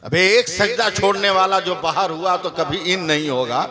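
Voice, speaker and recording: A man from West Bengal preaching a religious sermon at an open-air gathering, talking slowly, repeating himself, quizzing the crowd and joking between points. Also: sits high. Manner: slow, repetitive, asks the crowd questions, joking asides. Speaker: Islamic preacher. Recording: live sermon over loud crowd noise.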